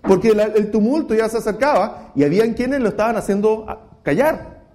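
A man preaching a sermon as pastor, swinging between loud cries and hushed asides and acting out quoted voices. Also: sits high, animated, moderate pace.

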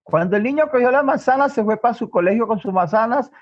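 A man's voice: extremely high pitch, animated, fast talker. A male preacher telling a story in an earnest sermon, often turning to address the brethren, in a church. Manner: earnest, repeatedly addresses the brethren, dramatic drops in volume. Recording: dull lo-fi recording.

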